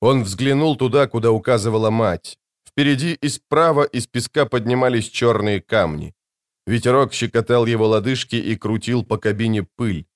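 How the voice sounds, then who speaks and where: A man reading a novel aloud as an audiobook narrator, in a measured, dramatic storytelling manner. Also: medium pitch. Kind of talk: scripted narration.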